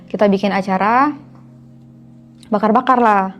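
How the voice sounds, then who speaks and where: A woman's voice: mid-range voice, fairly even intonation, unhurried, fairly bright tone, faint music behind. A young woman, telling a horror story casually to a host, often addressing the host as "Kak". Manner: chatty, keeps addressing the listener as "Kak". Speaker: guest storyteller.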